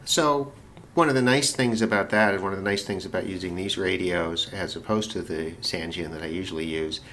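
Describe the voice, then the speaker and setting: A shortwave radio hobbyist with a deep voice narrates a video at a brisk pace, offering casual, unscripted commentary and thinking aloud tentatively. Loud shortwave static and noise from the radio reception fill the recording.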